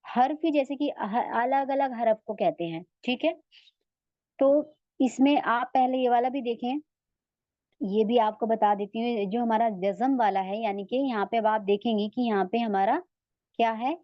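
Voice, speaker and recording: A woman's voice: a little high, a little slow, no echo, highs cut off. Patient woman tajweed teacher, Urdu accent. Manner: patient, asks checking questions; stretches out the sounds she demonstrates. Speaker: Quran recitation teacher. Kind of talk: online tajweed lesson.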